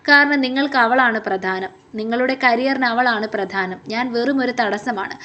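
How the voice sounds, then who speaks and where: A hurt, proud young orphaned woman, read by a female narrator speaks in a high, pained voice. Her lines come out bitter and accusing. It is an audiobook romance. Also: normal speed, bright, forceful tone, lo-fi sound. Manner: pained, emotional delivery.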